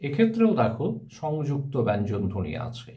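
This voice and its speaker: A male teacher giving a step-by-step grammar lesson, often pausing to ask his students rhetorical questions. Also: mid-range voice, huge pitch swings, warm tone, highs cut off.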